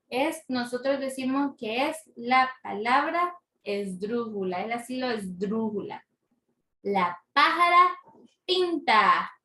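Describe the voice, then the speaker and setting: A woman teacher speaking slowly and patiently, repeating each word and syllable for her class. Her voice sits a little high. It was recorded in an echoey room. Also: a bit bright. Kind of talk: slow classroom lesson.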